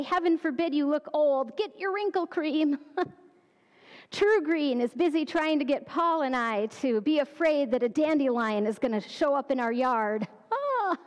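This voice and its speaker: A middle-aged woman pastor giving a conversational sermon, asking the congregation questions and laughing at her own asides, recorded from a distance in a church sanctuary. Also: high-pitched. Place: church sanctuary, in front of the altar. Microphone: far camera, room sound. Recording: church hall reverb.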